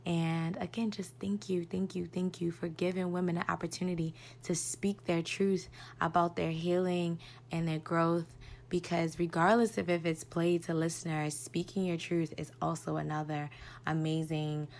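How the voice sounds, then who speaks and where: A woman's voice: on the low side, level tone, normal speed, gravelly, darkish tone. A woman in her thirties recording a heartfelt voice note as a podcast listener, talking reflectively about her own healing. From United States. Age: 30s. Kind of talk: voice note message.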